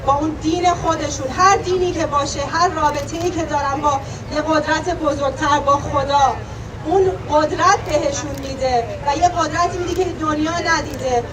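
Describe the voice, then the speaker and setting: Far from the microphone, a young rally speaker with a high, steady voice speaks very quickly in an emphatic, impassioned protest address, echoing key phrases for emphasis. Loud street noise from the packed outdoor rally, including crowds and vehicles, surrounds her.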